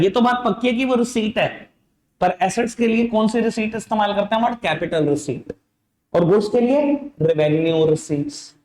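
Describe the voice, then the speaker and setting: Playful high-voiced male accounting teacher. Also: darkish tone, reverberant. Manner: playful, teasing, talks straight to students. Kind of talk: online class lecture.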